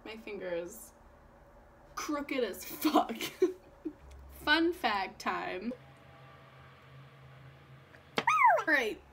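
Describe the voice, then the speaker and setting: A woman's voice: mid-range voice, lively intonation, extremely slow, creaky, pauses often, fairly bright tone. A woman in her twenties, giggly and tipsy, chatting casually and brashly with plenty of swearing as she vlogs her makeup. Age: 20s. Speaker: makeup vlogger. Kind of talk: casual chat while doing makeup. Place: small room at home, indoors. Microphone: built-in camera mic at arm's length. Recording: noisy home webcam-style recording.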